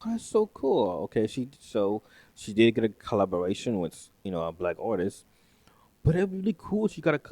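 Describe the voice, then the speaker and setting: A deep-voiced man chats through a reaction video, circling back and repeating his thoughts. The sound is dry and close, with no room around him. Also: huge pitch swings, a little fast, dark tone, no echo. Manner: rambling, hesitant, repeats himself. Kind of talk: casual reaction commentary.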